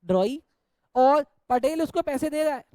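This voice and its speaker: A man's voice: very high-pitched, animated, normal speed, warm tone, no echo. A man teaching an accounts class, jokingly scolding and teasing his students while he explains. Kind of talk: Hindi-English accounts lecture.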